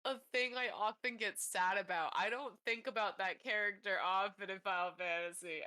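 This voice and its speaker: Expressive woman acting out reactions. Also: medium pitch, normal speed. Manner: expressive, acts out reactions, giggly. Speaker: tabletop game player. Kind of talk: casual post-session chat.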